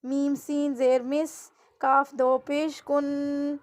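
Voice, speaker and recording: Pakistani lady teaching quran letters, high flat voice, stretches every syllable then talks fast between. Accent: Pakistani Urdu. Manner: slow drawn-out syllables, brisk asides. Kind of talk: spelling drills with explanations.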